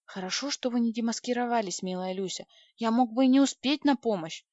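A woman reading an audiobook voices a polite, shy male alien who speaks softly and precisely, on a dry, slightly dull recording. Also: on the high side, a little fast, no echo, lightly acted. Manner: soft-spoken, courteous, precise.

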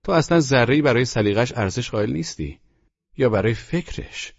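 A man voicing an agitated middle-aged man who rants bitterly and exasperatedly about his wife, pitched well above his own voice. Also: animated, creaky, dull audio. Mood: bitter ranting. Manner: bitter, exasperated, rising outbursts.

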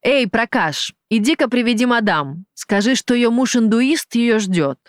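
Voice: mid-range voice, animated, measured pace, no room sound, studio quality, pitched above the performer's own voice, close to an everyday voice. A reader doing a sneering, cruel gang boss. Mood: mocking. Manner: sneering, taunting, falsely genial. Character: cruel mocking male gang boss, middle-aged. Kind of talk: audiobook character voice.

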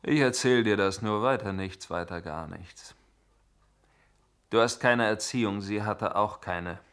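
A man's voice: on the low side, unhurried, fairly bright tone. An actor playing a sullen, resentful young man who threatens in a brooding, repetitive way, in 1960s German radio drama acting. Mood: menacing. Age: young adult.

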